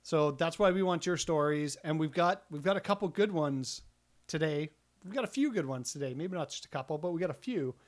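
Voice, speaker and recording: A man's voice: fairly high pitch, expressive, fairly quick. A middle-aged man co-hosting a podcast, rambling casually with restarts and self-deprecating jokes. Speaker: podcast co-host.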